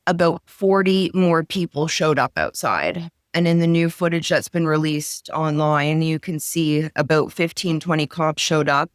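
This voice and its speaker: Woman telling what happened, urgent, bursts of words, clean smooth voice. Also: sits low, no room sound, studio quality. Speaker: interviewee, witness. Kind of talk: recounting events in an interview.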